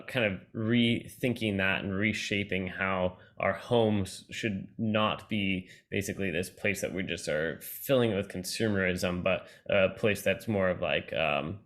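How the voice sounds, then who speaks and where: A man's voice: low voice, a bit bright. A young man producing a conference, talking in a laid-back way with many fillers in a casual video chat. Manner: laid-back, lots of yeahs and ums.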